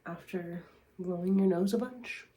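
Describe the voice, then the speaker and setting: A tired young woman, a new mother with a cold, talking candidly and softly in a casual home vlog. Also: on the low side, unhurried. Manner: tired, candid, soft-spoken. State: stuffy from a cold. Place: home, indoors.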